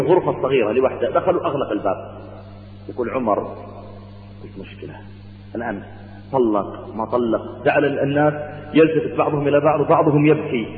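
Preacher man in an echoey hall. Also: a little hiss or hum. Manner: retells the story dramatically, acting out quotes and rising in pitch. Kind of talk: sermon storytelling. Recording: echoey hall on a tinny, lo-fi line.

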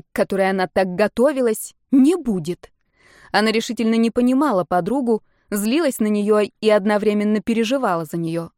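A woman reads a romance novel aloud in a steady, measured voice. The recording is close and dry, with no room sound. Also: mid-range voice, dry recording. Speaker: audiobook narrator. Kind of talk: romance audiobook narration.

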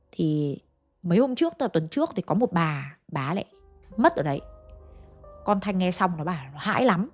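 A woman tells a ghost story in a chatty, conversational way, as if passing on a friend's account. Her voice sits in a middle register. Faint music plays underneath. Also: medium pitch.

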